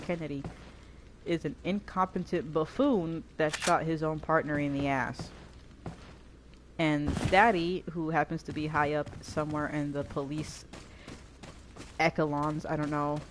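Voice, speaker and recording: A woman's voice: deep voice, fairly even intonation, unhurried, noisy background. A woman giving scattered, self-deprecating commentary while playing a game. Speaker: gamer reviewing a film. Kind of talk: casual rambling commentary.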